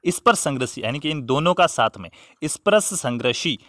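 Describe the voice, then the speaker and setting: A man's voice: medium pitch, expressive, brisk, pushed and bright, no echo. Quizzing male teacher, dry close sound. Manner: repetitive, quizzing with questions he answers himself. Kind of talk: classroom lesson on grammar.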